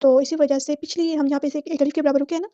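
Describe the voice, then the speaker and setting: A woman teaching Quran recitation rules. She explains each rule briskly in a methodical way, then recites the words slowly and draws out the vowels. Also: high voice, level tone, mellow, no room sound. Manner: methodical, repeating set phrases for every letter. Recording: dull lo-fi dry audio.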